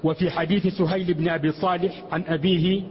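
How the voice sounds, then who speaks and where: A man reading a religious text aloud in a lesson, slowing for quotations. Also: sits high, level tone. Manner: slow measured recitation of quotations. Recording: muffled lesson recording in a reverberant hall.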